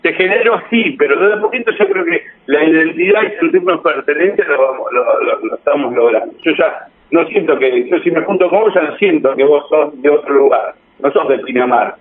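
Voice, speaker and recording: The speaker is a guest with an Argentine Spanish accent in casual conversation, rambling and reworking sentences mid-stream. His slightly high voice moves fairly quickly, and the recording is narrow and tinny.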